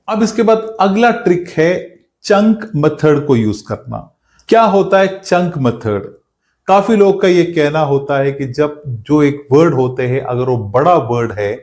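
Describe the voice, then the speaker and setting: A man teaching English spelling in a calm, explanatory lesson, slowing down to spell words out letter by letter. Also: mid-range voice. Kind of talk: spoken lesson.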